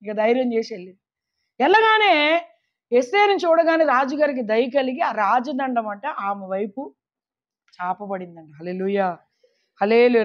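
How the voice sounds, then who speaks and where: A woman preaching a sermon to a women's meeting, emphatic, often calling out hallelujah and asking the listeners questions. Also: high-pitched. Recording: dull lo-fi recording.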